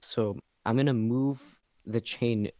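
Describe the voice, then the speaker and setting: A man playing in a tabletop game, explaining his moves in a halting, stop-start way. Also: medium pitch, fairly even intonation, darkish tone, no room sound. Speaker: player. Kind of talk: casual game chat. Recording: dry, slightly dull mic.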